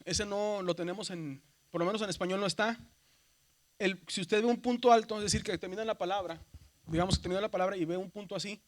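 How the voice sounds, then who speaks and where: Teacher, man, middle-aged, fairly high voice, patient classroom explainer. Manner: explains patiently, often checks understanding with "verdad". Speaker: seminary Greek teacher. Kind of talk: classroom lecture.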